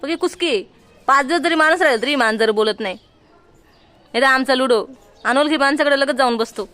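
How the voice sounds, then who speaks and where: A woman's voice: high-pitched, moderate pace, sharp tone. A young woman with a Marathi accent chatting casually in a family vlog, playful and talkative, cooing at cats. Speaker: vlogger. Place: house with family, indoors.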